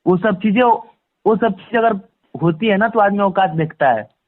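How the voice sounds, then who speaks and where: A man gives a conversational phone interview as a guest, emphatic and prone to repeating phrases for emphasis. His voice sits high and moves at a normal speed. The call recording is tinny and band-limited over a phone line, without echo.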